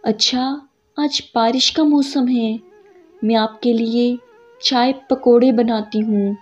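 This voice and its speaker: A woman's voice: on the high side, steady tone, natural voice. Woman doing a sweet devoted young wife. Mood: loving reassuring. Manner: soft, affectionate, reassuring. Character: gentle devoted young wife, soothing and patient. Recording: muffled audio with soft background music.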